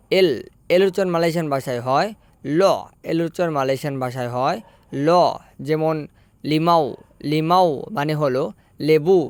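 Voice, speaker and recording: Male tutor, somewhat high, smooth voice, patient drilling delivery, dry close mic. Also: dry recording. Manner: says each letter and word twice, measured. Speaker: language teacher. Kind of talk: slow repetitive language lesson.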